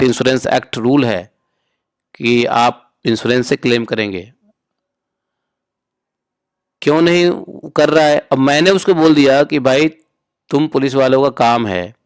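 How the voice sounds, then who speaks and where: A man speaking as a spiritual teacher gives an informal, conversational discourse on scripture, often posing rhetorical questions to listeners and slipping in storytelling asides. His pitch is fairly high, and there is no room sound.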